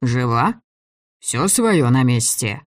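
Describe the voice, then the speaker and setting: A man's voice: medium pitch, big pitch swings, slow, dry recording, studio quality, far from the mic. Man reading a wry joking young guy.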